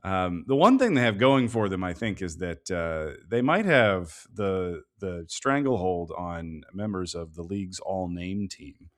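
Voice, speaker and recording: Deep-voiced man musing over soccer. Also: lively intonation. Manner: measured, thinking aloud with many fillers. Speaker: podcast co-host. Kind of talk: casual sports podcast analysis.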